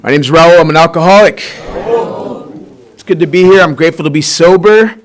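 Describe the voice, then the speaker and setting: A man with a fairly high voice tells his recovery story at a meeting in a school room. He talks in a casual, heartfelt way, full of fillers, restarts and warm asides. He is from Peru and grew up in Southern California. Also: a little fast, slight background noise. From Peru, raised in Southern California. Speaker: main speaker at a recovery meeting. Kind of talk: personal recovery share.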